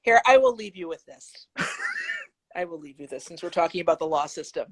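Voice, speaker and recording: A woman being interviewed in a casual video call, animated, blunt and laughing often. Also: lowish voice, a little fast, breathy edge, low-quality recording. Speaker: interview guest. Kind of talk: casual chat.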